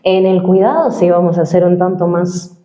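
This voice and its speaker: Offering voice-training advice in an interview, a woman who does dubbing and voice-over speaks at a normal speed in a lowish, mellow voice. She explains exercises and commonly ends her points with a questioning tag. The recording is roomy with slightly dull sound.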